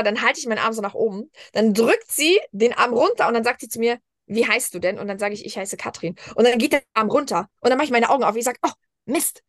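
A woman in her thirties, a podcast guest, telling stories in lively casual chat and acting out the quoted dialogue. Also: on the high side, no room sound, studio quality.

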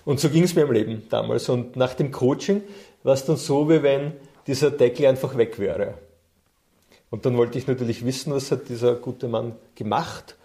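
Here a middle-aged man, guesting in an interview, tells stories from his own life in an easy, conversational way. He works as a coach and trainer, and his voice is mellow and relaxed, average in male pitch, at a moderate pace.

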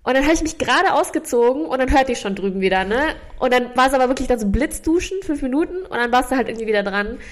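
Young woman, somewhat high voice, reflective, halting restarts, casual chat. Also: expressive. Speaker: podcast co-host.

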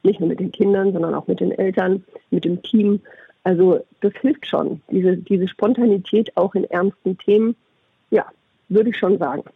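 A middle-aged woman with a husky voice answers interview questions conversationally, telling anecdotes about her work. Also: medium pitch, fairly even intonation, moderate pace, no room sound. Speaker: interviewee, doctor and puppeteer. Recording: thin phone-like radio sound.

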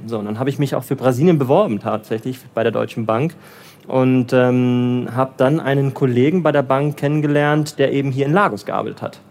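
A man's voice: medium pitch, gravelly, darkish tone. A man from Bavaria, a banker in his thirties, answering interview questions hesitantly with many fillers. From Germany, Bavaria. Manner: hesitant, many ums and restarts. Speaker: guest, banker. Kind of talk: casual interview.

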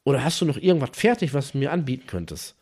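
A man's voice: mid-range voice, very animated, fast, a little mellow, breathy edge. A man voicing his flustered male fishing friend, pleading for help over the phone in a story.

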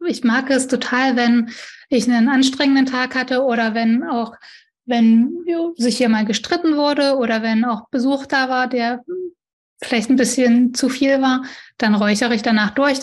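A middle-aged woman from East Germany, a smoke-cleansing practitioner, explaining in casual chat and correcting herself often as she shows her tools. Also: a little high. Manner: demonstrates objects while talking, frequent self-corrections.

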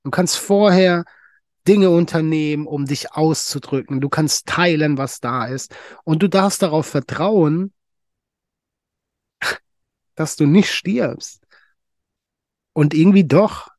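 A man's voice: on the high side, a little mellow, no echo. A man hosting a solo podcast monologue, emphatic and blunt, swearing freely and repeating phrases for effect. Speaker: podcast host.

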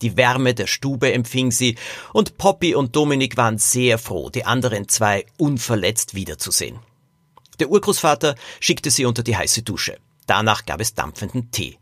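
A man reading his own children's story aloud as narrator, expressive and animated. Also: medium pitch, moderate pace, no room sound, clean studio sound.

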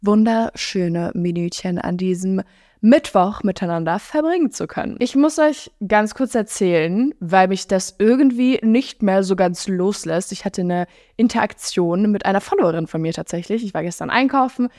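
A nineteen-year-old woman hosting her podcast, chatting in an excitable, bubbly way and mixing in English slang. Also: mid-range voice, normal speed, no echo, clean studio sound. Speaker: podcast host. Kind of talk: casual chat.

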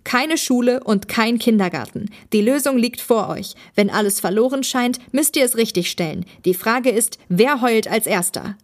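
Woman reading a calm spirit from the lake. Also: a little high, normal speed, hardly any pauses, lightly acted.

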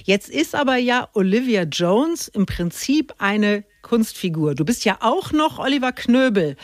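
Animated female radio host, studio-dry. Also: fairly high pitch, unhurried, no echo. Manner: lively, direct questioning. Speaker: radio talk show host. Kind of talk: conversational radio interview.

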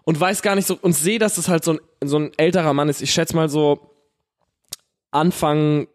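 A man with a Palatinate German accent telling an animated, slangy story in casual chat, full of fillers. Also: on the high side, normal speed.

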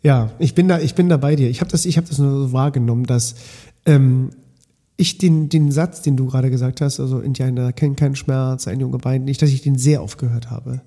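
A man's voice: mid-range voice, fairly even intonation, fairly quick, mellow. A man co-hosting a casual podcast conversation, reflective and explaining through everyday examples. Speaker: podcast co-host.

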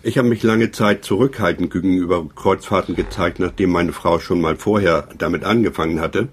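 A man who is a guest on a podcast, speaking from a ship's cabin and telling stories in a measured, slightly halting way. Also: deep voice, a little hiss or hum. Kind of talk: casual conversation. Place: ship cabin at sea.

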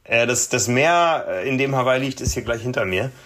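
A chatty male podcast host talks from a hotel room late at night. He is tired after a long day and keeps a loose, laughing, self-mocking tone. His voice sits at an ordinary middle pitch. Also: lively intonation, normal speed, fairly bright tone. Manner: chatty, laughs often, self-deprecating asides. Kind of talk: casual podcast chat.

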